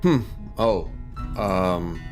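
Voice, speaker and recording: A gaming video host delivers casual let's play commentary in a low, animated voice, drawing out his words. He thinks aloud informally and sometimes reads game text, with guitar game music playing behind him.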